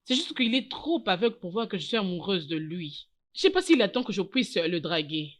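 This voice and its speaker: A woman's voice: fairly low pitch, sing-song, brisk. A secretive girl in love, evasive, voice goes up and down a lot. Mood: guarded. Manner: guarded, evasive, teasing. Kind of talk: dubbed film acting.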